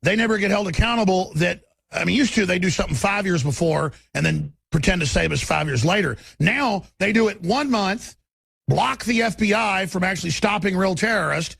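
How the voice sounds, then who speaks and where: A man's voice: high-pitched, a little fast, gravelly, a bit bright, breathy edge. A male talk show host asking heated, incredulous questions in a combative interview.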